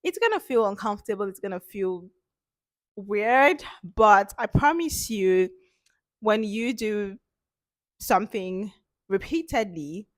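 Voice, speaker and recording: A woman hosting an informal instructional talk as a confidence coach, speaking emphatically with repeated points and a slightly hoarse voice from a cold. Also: mid-range voice, no echo, clean studio sound.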